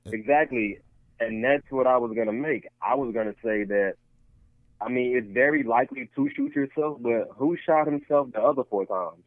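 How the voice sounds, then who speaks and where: On a casual debate-style podcast with tinny lo-fi audio, a male co-host with a medium-pitched voice argues his point at a normal speed on a dry recording. He's repetitive, keeps restating himself, and restarts his points.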